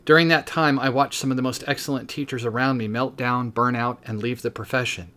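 A man in his fifties, a teacher hosting a podcast, reads his own book aloud at a steady pace and breaks off now and then for short spoken asides. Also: mid-range voice, a little fast.

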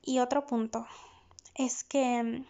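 A woman's voice: a little high, steady tone, slow, dark tone. A woman psychologist hosting a podcast in a candid, chatty monologue, often laughing. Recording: dull lo-fi recording.

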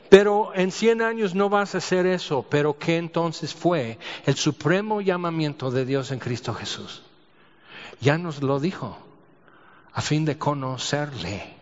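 A man preaching a sermon, telling stories and asking rhetorical questions. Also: on the high side. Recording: dull audio with long hall reverb.

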